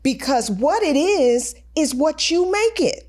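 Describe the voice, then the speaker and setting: Lively, emphatic woman co-host. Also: high-pitched, slow pace. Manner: emphatic, quotes people in voices. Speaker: podcast co-host. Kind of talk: casual chat.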